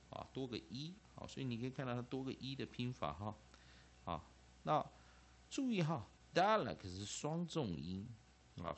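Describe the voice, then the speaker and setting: Lively, low-voiced Taiwanese Mandarin teacher. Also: male voice. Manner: lively, peppers phrases with 'ah' and 'ha', repeats terms. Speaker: English teacher. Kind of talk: classroom-style phonics lecture.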